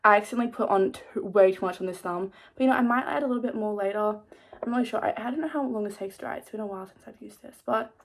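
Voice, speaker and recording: A woman's voice: mid-range voice, rapid-fire. Rambling young woman vlogger. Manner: rambling, lots of fillers and self-mocking asides. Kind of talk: casual chat to camera.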